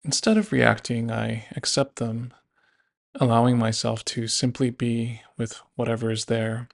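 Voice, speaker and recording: A man leads a guided body scan meditation in a gentle, unhurried, instructive manner, his mid-range voice carrying some creakiness.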